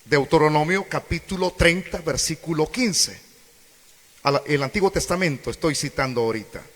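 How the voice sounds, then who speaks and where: A man's voice: on the high side, moderate pace, fairly bright tone. A man preaching a sermon, questioning the congregation and acting out quoted voices. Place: church hall. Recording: echoey church hall.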